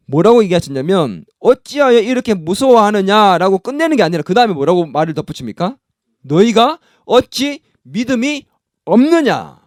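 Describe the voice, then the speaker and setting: A male pastor preaching a sermon in a church, talking in an animated, conversational way and often putting questions to the congregation. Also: sits high, dry recording, studio quality. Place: church sanctuary.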